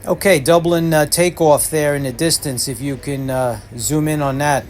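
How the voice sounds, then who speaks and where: A man's voice: fairly high pitch, fairly even intonation, normal speed. A man hosting a plane spotting vlog with casual commentary. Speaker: channel host, plane spotter. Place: airport terminal. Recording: loud ambient airport noise.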